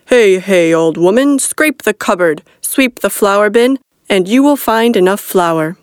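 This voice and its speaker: A woman's voice: medium pitch, animated, measured pace, clean tone, no echo, clean studio sound, natural voice. A woman voicing an old man in a folk tale, giving plain, demanding instructions. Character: old peasant man, bossy.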